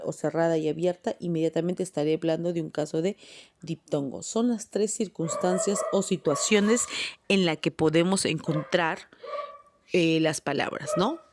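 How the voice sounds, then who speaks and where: Brief: patient female teacher, lowish voice, unhurried classroom delivery, taped on a phone. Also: background noise. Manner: patient, explains step by step with frequent tag questions. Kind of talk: classroom grammar lesson. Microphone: phone voice recorder.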